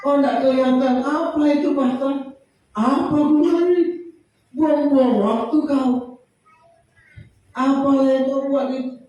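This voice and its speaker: A man preaching a sermon in a church, animated, acting out the panicked cries of people. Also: high voice. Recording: echoey church hall from far off, faint noise.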